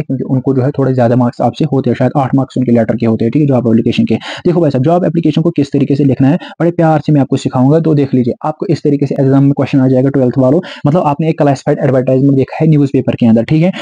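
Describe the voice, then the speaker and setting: A young man teaching exam writing skills, constantly checking in with his students and slowing down to dictate English phrases. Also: mid-range voice, dark tone, breathy edge, no room sound. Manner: repeats "theek hai" and "bhai sahab", slows down to dictate English phrases. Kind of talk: exam-prep lecture. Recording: dull lo-fi dry sound.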